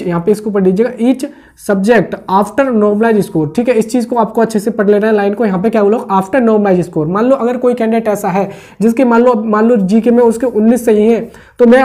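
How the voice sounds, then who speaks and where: In an extremely high, soft, mellow voice, a man who hosts exam updates on YouTube delivers a quick, informal briefing. His style is that of an online coach: repetitive, looping back over points, constantly asking whether viewers follow.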